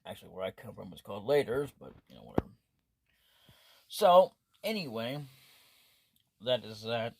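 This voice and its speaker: A man's voice: on the low side, huge pitch swings, normal speed, creaky, long pauses, darkish tone, slight background noise. A man doing gameplay commentary, casually rambling and reading the game's text aloud, punctuation included. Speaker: let's play host.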